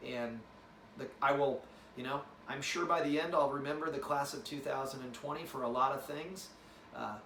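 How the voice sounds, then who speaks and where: A man's voice: mid-range voice, normal speed. A man speaks to a new class in a loose, unscripted way, full of ums and restarts. He sounds distant from the mic, and his voice echoes around a roomy space. A faint hum of ambience sits behind him. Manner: relaxed, rambling, many fillers and restarts. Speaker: fellowship leader addressing new class. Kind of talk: informal address to a group.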